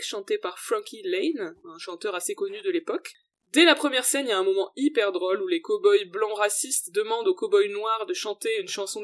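A woman co-hosting a casual podcast about musicals, lively and opinionated, with fillers. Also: mid-range voice. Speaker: podcast co-host.

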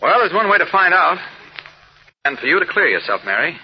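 A muffled vintage radio drama recording carries a serious, mild-mannered reporter. His fairly high voice is calm, deliberate and firm. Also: slight background noise. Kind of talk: 1940s radio acting. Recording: muffled old radio broadcast.

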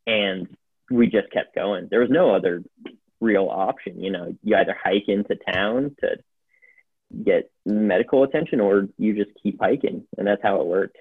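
A man's voice: on the low side, moderate pace, husky, no room sound. A man telling a long story as a podcast guest. He talks in a loose, rambling way and uses a lot of fillers. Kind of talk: casual storytelling. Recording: phone-like narrow sound.

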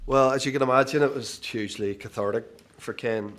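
A man in his thirties from Northern Ireland, an actor appearing as an interview guest, talks casually with lots of fillers and restarts. His voice is mid-range and a bit bright, and he speaks a little fast.

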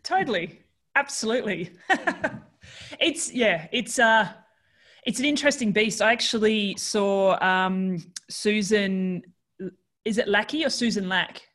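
A woman hosts a podcast in a relaxed, casual conversation. She talks in a chatty way, with frequent fillers and restarts. Her voice sits at a middling pitch for a woman. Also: slow pace. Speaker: podcast host.

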